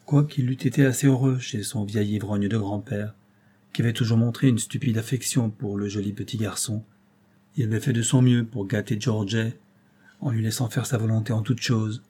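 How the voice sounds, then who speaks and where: Guy reading an old novel aloud, husky, low-key and mellow. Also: fairly even intonation, normal speed. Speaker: audiobook narrator. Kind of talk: scripted narration.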